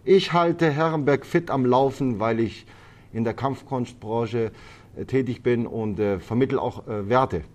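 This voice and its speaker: A man's voice: medium pitch, a little slow, darkish tone. A man who grew up in Italy, a martial arts trainer speaking as a podcast guest, talking casually with many hesitations and fillers. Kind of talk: casual interview talk.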